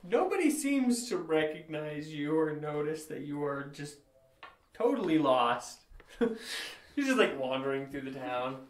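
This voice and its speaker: A man's voice: on the high side, sing-song, a little slow, slight background noise. A young man acting as game master, improvising narration for a tabletop game. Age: young adult. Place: small indoor room. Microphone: camera a few feet away. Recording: echoey room, camera microphone.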